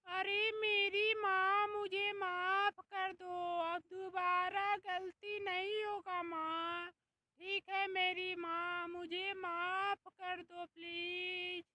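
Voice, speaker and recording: A performer voicing a sulky, sharp-tongued young daughter-in-law with a Bhojpuri-tinged accent in a comic skit, whiny and complaining. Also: extremely high pitch, little pitch movement, extremely slow, noisy background, heavily acted. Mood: pleading. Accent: Bhojpuri-tinged Hindi. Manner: complaining, wheedling, talks back.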